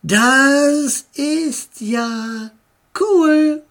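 A slow audiobook reader voicing a teasing older sister with high, excited exclamations. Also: husky.

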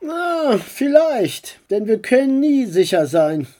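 Woman doing a secretive teasing uncle, evasive answers, slow mellow storybook voice. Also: on the high side, big pitch swings, pitched above the performer's own voice, full character voice. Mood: teasing calm.

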